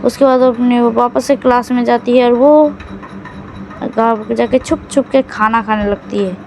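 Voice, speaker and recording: A woman's voice: on the high side, steady tone, unhurried, darkish tone, slight background noise, poor audio. A woman casually recapping a drama's plot in a loose, rambling way, often correcting herself mid-sentence.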